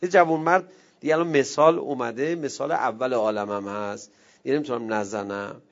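A man giving a religious talk, telling a story with animated, emphatic delivery that swells to forceful peaks. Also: medium pitch. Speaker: preacher. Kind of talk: religious lecture. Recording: dull lo-fi sound.

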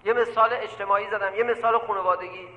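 A male preacher with a high, bright, ringing voice delivers an animated sermon full of stories. He keeps addressing his listeners directly and repeats lines for emphasis. He sounds like he is in a big echoing hall with a long reverb tail. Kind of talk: sermon with storytelling.

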